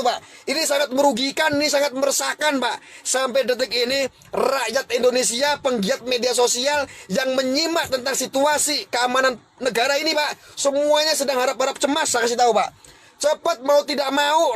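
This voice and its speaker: Man with a very high voice, live-streamer, confrontational and scolding, ranting at critics. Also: a bit bright. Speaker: livestream host. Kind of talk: heated livestream rant.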